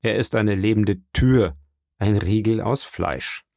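Dark-voiced male audiobook narrator. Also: lowish voice, gravelly, no room sound, clean studio sound. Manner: measured, even storytelling. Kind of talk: scripted narration.

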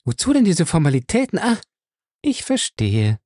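A man's voice: a little high, huge pitch swings, normal speed, darkish tone, no room sound, clean studio sound, voice pushed up. A man voicing a glamorous young woman, cool and teasing, with lofty mocking questions.

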